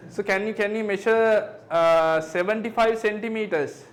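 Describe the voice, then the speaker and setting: Man, high-pitched, physics tutor, exam question review, step-by-step, asks right? and isn't it? often. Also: moderate pace. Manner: keeps checking understanding with tag questions; works through figures step by step.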